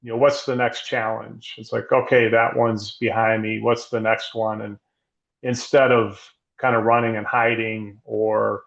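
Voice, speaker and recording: A middle-aged man, a guest physician, speaking in a measured, thoughtful way with frequent restarts. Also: on the low side, level tone, gravelly, a bit bright, highs cut off. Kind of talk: reflective interview conversation.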